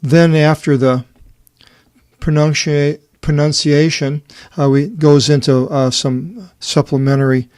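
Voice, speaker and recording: A man presenting the Bible edition he translated, talking through its pages off the cuff with many pauses and restarts. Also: a little high, fairly even intonation, darkish tone, smooth, dry recording, studio quality. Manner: halting, many fillers and restarts. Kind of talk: unscripted screen walkthrough.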